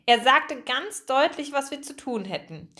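A jittery woman shop helper, as a woman reader puts her on in a children's audiobook. Her voice is high, shaky and a little shrill. She sounds nervous and eager to be believed. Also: animated, unhurried, pushed and bright, full character voice. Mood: pleading.

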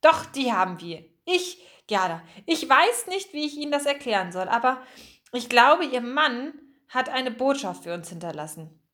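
A jittery woman shop helper, as a woman reader puts her on in a children's audiobook. Her voice is high, shaky and a little shrill. She sounds nervous and eager to be believed. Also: big pitch swings, moderate pace, fairly bright tone. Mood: anxious.

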